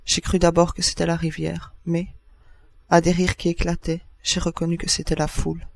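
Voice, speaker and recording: Man reading with high, even pitch. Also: creaky. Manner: measured first-person reading with short pauses. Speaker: narrator. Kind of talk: scripted narration of a literary text.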